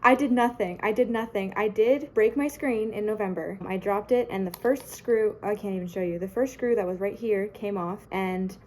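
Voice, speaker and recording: A woman's voice: medium pitch, normal speed, hardly any pauses, a little hiss or hum. A young woman talks straight into her phone camera, and the sound is that of a phone video. She rambles and vents, circling back to the same points. She sounds upset throughout. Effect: recorded as a phone video. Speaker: vlogger. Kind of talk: casual vlog talk to camera.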